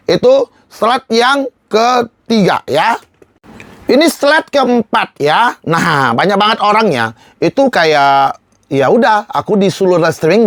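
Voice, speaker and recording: A young man with a noticeably high voice talks viewers through a slide tutorial in a casual, slangy way. He is emphatic, answers his own rhetorical questions and keeps circling back to reminders. The recording is close and dry, with no room sound. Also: no echo. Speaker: live-selling coach. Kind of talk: slide-based tutorial talk.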